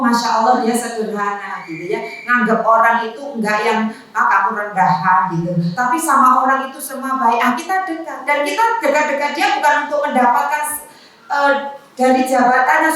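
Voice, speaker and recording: A woman's voice: sits high, bright, forceful tone. A woman religious teacher giving a conversational study lecture, mixing in jokes and asides. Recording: echoey room, voice from far off.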